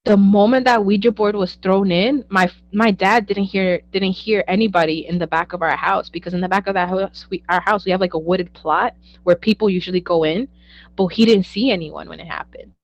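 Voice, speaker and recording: A woman's voice: mid-range voice, a little fast, muffled recording. A young woman, a psychic medium guest, telling stories in a casual interview and acting out the quoted dialogue. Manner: animated, acts out quoted dialogue, laughs often.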